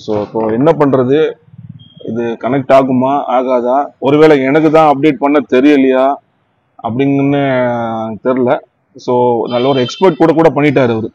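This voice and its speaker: A motorcycle vlogger with a Tamil Nadu accent chats casually while reviewing gear, sprinkling English words into his speech. His mid-range voice has fairly even intonation, a moderate pace and a darkish tone, and the recording is dry and muffled.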